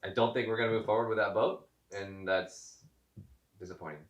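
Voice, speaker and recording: A man vlogging casually at home, explaining things in a measured, matter-of-fact way. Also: on the low side, steady tone, lo-fi sound. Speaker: vlogger, co-host of a sailing channel. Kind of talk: casual chat to camera. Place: at home in a house. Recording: echoey room, distant mic, faint music.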